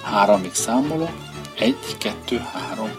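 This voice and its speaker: A man's voice: lowish voice, big pitch swings. A man voicing a proud, scornful grass snake who hisses his words, over violin music. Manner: hissing.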